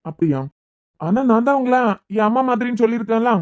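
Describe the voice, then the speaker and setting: A woman's voice: on the high side, expressive, fast, a little mellow, dry recording, lightly acted. Woman doing a sarcastic young guy in a cartoon, kanyakumari tamil, dry close voice. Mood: teasing. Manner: teasing, sarcastic. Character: cheeky young man, teasing injured patient.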